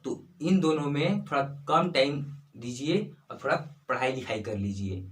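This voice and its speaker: A man's voice: medium pitch, lively intonation, normal speed, reverberant, distant mic, faint music behind, rough recording. A young man teaching a casual online grammar lesson, chatty, often asking himself questions and repeating his examples.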